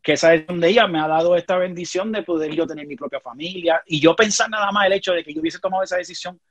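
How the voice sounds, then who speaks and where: A middle-aged man from Puerto Rico, with a Puerto Rican accent, talks fast in a husky, fairly high, slightly bright voice, recorded close and dry. Appearing as a guest in a casual conversation, he earnestly tells a personal story and keeps checking that the listener is following.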